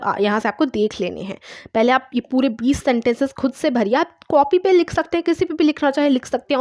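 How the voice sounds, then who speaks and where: A woman's voice: high voice, no room sound, studio quality. A woman teaching a course online, patiently explaining a test step by step with examples and reading words aloud. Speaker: English teacher.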